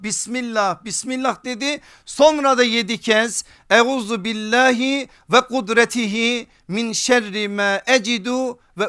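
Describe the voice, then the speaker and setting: Man, pulpit preacher, high forceful voice, didactic, emphatic rules, conversational asides. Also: smooth. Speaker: preacher giving a religious lesson from a lectern. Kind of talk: sermon-like religious lecture to listeners.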